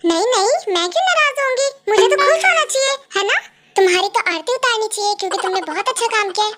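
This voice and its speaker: A woman as a feisty, high-voiced college girl. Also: fast, heavy background noise. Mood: scolding. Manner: sharp-tongued, scolding. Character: feisty young college girl, top student. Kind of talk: voiced story reading.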